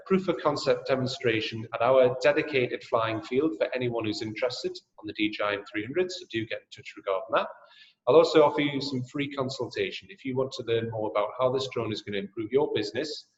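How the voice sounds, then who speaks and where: Dull, echoey webinar audio carries a Newcastle-born man with a Geordie accent who hosts the session and trains drone salespeople. He gives a friendly sales pitch heavy with ums and uhs while presenting and answering questions.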